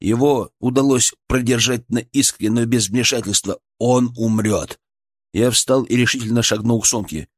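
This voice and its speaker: A man's voice: medium pitch, steady tone, normal speed, few pauses. A man reading a fantasy audiobook in the first person, telling a tense story in a dramatic way. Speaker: audiobook narrator.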